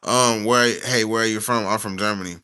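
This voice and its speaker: A man's voice: lowish voice, fairly even intonation, fairly quick, pushed and bright, smooth. A young man from the United States, talking casually on a livestream. He rambles in slang and sometimes reads stiffly from notes.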